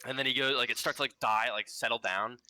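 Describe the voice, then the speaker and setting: A man's voice: mid-range voice, steady tone, quick pace, bright, forceful tone, dry recording, rough recording. A man narrating a tabletop game as game master, in loose speech with a lot of "like.".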